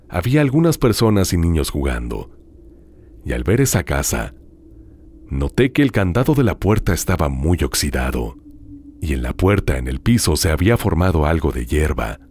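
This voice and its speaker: In scripted horror narration, a male host with a very deep, slightly raspy voice reads stories sent in by listeners. He delivers them expressively and dramatically, keeping his voice hushed and pausing at length.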